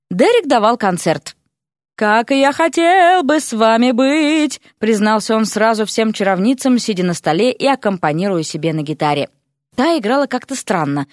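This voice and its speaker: Lively woman reading an audiobook. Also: medium pitch, dry recording, studio quality. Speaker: audiobook narrator. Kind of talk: expressive fantasy audiobook reading.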